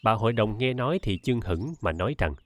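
A man reading a novel aloud as an audiobook narrator, in a steady, measured way. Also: fairly low pitch. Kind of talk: scripted narration.

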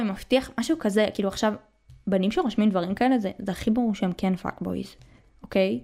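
Casting: early-20s woman, Israeli accent, medium pitch, casual slangy podcast host who mixes in English. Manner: slangy, conversational, with English words mixed in. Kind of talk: casual chatty monologue.

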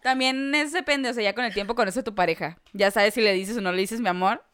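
A woman's voice: medium pitch, quick pace, fairly bright tone, clean tone. A woman with a Mexican accent co-hosting a casual podcast chat, blunt and slangy, laughing often. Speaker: podcast co-host.

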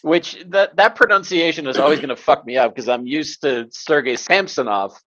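A man co-hosting a casual sports podcast, halting and hesitant, cursing casually. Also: a little high, sharp tone, muffled recording. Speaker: podcast co-host.

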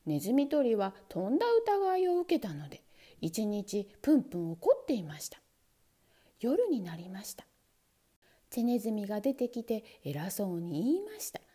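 A woman narrating a children's story in an expressive, animated way. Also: mid-range voice, moderate pace, slightly rough. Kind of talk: storybook reading.

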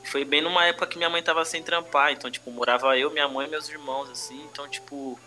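Male podcast guest, São Paulo Brazilian Portuguese accent, very bright forceful voice, slangy casual storyteller, music underneath. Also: a little high, fairly even intonation, fast talker. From Brazil, urban periphery. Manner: heavy street slang, frequent conversational tags. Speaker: comedian interview guest.

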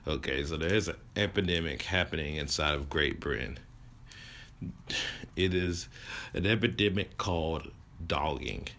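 A man's voice: a bass voice, moderate pace, vocal fry, pauses often, pushed and bright. A man hosting a casual storytelling show, rambling with many restarts and fillers, chuckling at his own stories. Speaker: podcast host telling stories.

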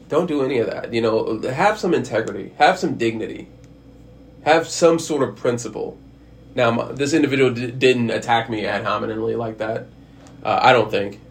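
A man's voice: mid-range voice, slight background noise. Frank, rambling man giving advice. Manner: rambling, frank, with many restarts and mild swearing. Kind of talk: casual advice monologue.

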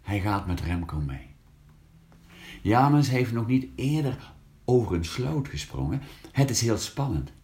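A man reading a children's story aloud, slow and expressive, lifting his voice for the characters. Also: on the low side.

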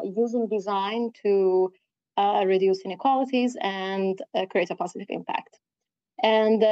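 A woman hosts a podcast interview in a mellow, dark-toned voice at a middle pitch, pausing and restarting as she goes. Her voice is dry and close, with dull, narrow remote-call sound. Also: no room sound. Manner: hesitant, with frequent restarts. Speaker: podcast host.

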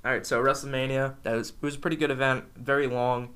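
A man's voice: mid-range voice, little pitch movement, fast, fairly bright tone, clear, resonant tone. A young man co-hosting a podcast in casual chat, talking in an enthusiastic, rambling way. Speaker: podcast co-host.

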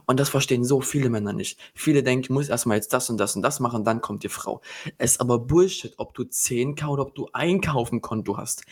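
A man's voice: medium pitch, breathy edge. A young man talking on a casual podcast in an ordinary mid-range voice. He sounds sure of himself and lectures his listener firmly. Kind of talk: casual chat.

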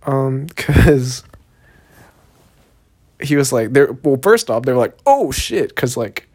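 Slow, slightly mellow and sing-song, the medium-pitched voice belongs to a young Texan man hosting a podcast on his own. His Southern Texan accent carries a laid-back, profane ramble stuffed with fillers.

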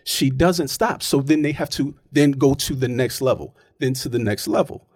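A man's voice: mid-range voice, normal speed, a little mellow, dry recording, studio quality. A man in casual, opinionated chat, arguing his point emphatically and often checking in with "right?".

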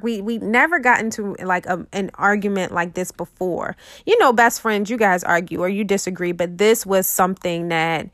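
A woman's voice: mid-range voice, fairly bright tone, dry recording, studio quality. Earnest woman telling a confessional story. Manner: earnest, confessional, halting with many restarts. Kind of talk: personal testimony, casual storytelling.

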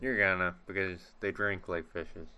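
Bright, smooth-voiced joking man. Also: low voice, fairly even intonation, lo-fi sound. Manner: crude, quick-witted joking. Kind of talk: casual chat.

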